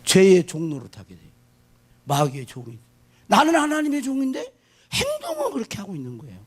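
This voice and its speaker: Male pastor, sermon delivery. High, husky voice, asks and answers his own questions, swings from quiet asides to loud proclamations. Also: huge pitch swings, brisk. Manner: emphatic, asks the congregation questions and answers them; swings between hushed asides and shouted declarations.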